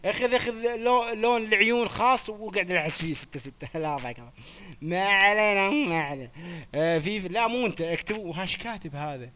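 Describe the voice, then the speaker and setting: A young man hosting a joking quiz on a live chat stream, teasing the players in quick banter. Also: sits high, sharp tone, smooth. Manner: teasing, swears oaths, rapid banter with participants.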